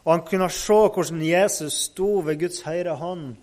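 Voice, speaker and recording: A man's voice: high voice, a little mellow. Man retelling a Bible story. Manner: unscripted retelling with fillers. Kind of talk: casual Bible story narration.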